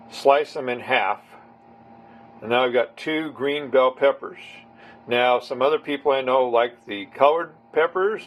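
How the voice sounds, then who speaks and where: Man, husky voice, home cook, casual recipe walkthrough, rambling and chatty. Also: mid-range voice. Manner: rambling, chatty, talks to viewers directly. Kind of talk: casual cooking demonstration.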